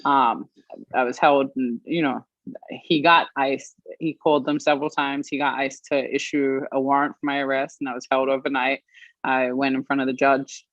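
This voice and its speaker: A woman from Australia giving an earnest personal account as an interview guest, pausing often with fillers. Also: rumbling low, level tone, dry recording. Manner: earnest, measured, with frequent pauses and fillers. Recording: dry, slightly muffled stream audio.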